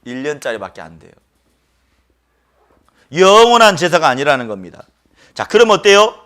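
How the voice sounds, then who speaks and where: Emphatic male pastor preaching with lively pitch. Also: normal speed, clean tone. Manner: keeps questioning the congregation, emphatic. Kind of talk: sermon.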